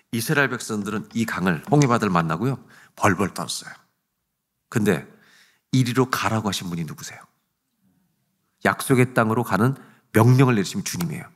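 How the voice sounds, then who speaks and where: A male pastor delivering a revival sermon in a church sanctuary. His pitch rises and falls a great deal as he moves from soft, almost whispered lines to loud, forceful ones. He throws questions at the congregation and answers them himself. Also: husky. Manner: swings from hushed near-whispers to loud emphatic preaching.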